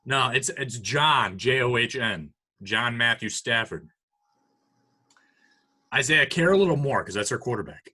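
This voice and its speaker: A man's voice: medium pitch, lively intonation, unhurried, bright, forceful tone, husky. A young man hosting a casual podcast, running a trivia game, teasing his co-hosts and laughing often. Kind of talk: casual chat.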